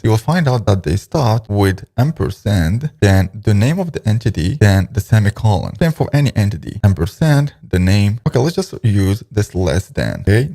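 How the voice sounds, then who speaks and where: A man's voice: lowish voice, gravelly, mellow. A man talking through a coding tutorial step by step, often restarting with "okay, let's just". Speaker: coding instructor. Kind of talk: screen-recorded coding tutorial.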